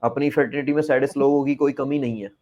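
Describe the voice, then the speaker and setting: A man's voice: medium pitch, fairly even intonation, fast, darkish tone, muffled recording. A man, a former school teacher, speaking outspokenly in a casual interview and mixing English phrases into his talk. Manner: outspoken, mixes English into Hindi.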